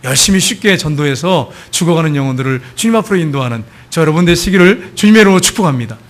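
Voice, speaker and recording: A middle-aged man preaching a sermon as a pastor, telling a story and acting out its dialogue, building to loud calls to the congregation. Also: a little high, expressive, quick pace. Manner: storytelling preacher, acts out quoted dialogue, rises to loud exhortations.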